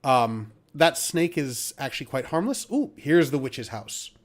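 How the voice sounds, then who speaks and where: A man's voice: medium pitch, sing-song, measured pace. A man hosting a casual game playthrough, reading the game text aloud, with loose fillers and the odd mild swear. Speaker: let's play host. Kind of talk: casual gameplay commentary.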